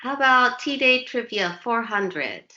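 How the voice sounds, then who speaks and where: A woman's voice: fairly high pitch, lively intonation, measured pace, sharp tone, muffled recording. A woman chatting casually as a contestant in a quiz. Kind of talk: casual chat.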